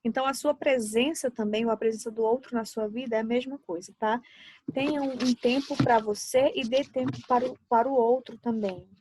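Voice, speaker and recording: A woman's voice: a little high, steady tone, fairly quick, warm tone, slightly rough. A woman giving psychological support advice in a casual talk, speaking into a laptop on her lap at home, friendly and explaining with everyday examples.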